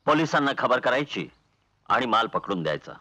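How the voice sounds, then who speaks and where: An actor playing a scheming patron who calmly gives orders and lays out a plan. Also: male voice, mid-range voice, fairly quick, poor audio. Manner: calm, commanding, persuasive. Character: scheming rich man who shelters the heroes.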